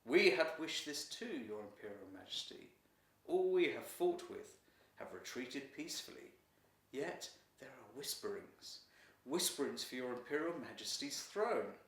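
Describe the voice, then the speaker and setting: A man with a mid-range, slightly bright voice, very animated yet at a measured pace, voices a storybook's loyal, dutiful guardian lion who serves the emperor. The lion's dialogue is formal, solemn and deferential, recorded with a distant mic and roomy echo.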